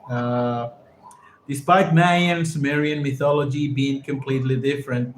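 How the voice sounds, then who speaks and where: A man whose first language is Spanish reads an English text aloud for a lesson, stopping to define words and repeat their pronunciations. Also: on the high side. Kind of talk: reading a text aloud and explaining vocabulary. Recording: echoey room with faint ambient noise.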